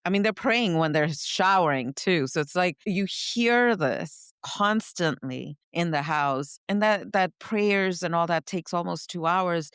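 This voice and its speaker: Smooth-voiced woman telling her story. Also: on the low side, a little slow, few pauses, a bit bright, no echo, clean studio sound. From India. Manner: reflective, searching for words, frequent "you know". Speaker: podcast co-host. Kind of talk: personal storytelling in conversation.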